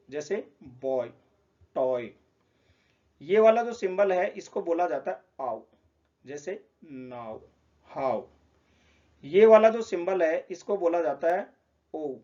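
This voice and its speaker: A man's voice: sits high, darkish tone, dull audio. A man explaining a lesson, patiently repeating example words. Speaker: teacher.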